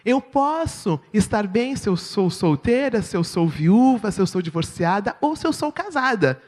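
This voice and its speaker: Brazilian woman church speaker, lively swooping delivery, sermon teaching, long hall echo. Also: medium pitch, normal speed. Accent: Brazilian Portuguese. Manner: expressive, asks the audience "right?". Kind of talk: sermon-style teaching talk.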